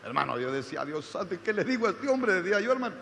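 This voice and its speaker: High, bright-voiced preaching pastor. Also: male voice, sing-song, racing, gravelly, long reverb tail, slight background noise. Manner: preaching with rising, shouted emphasis and storytelling. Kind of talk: sermon. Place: church.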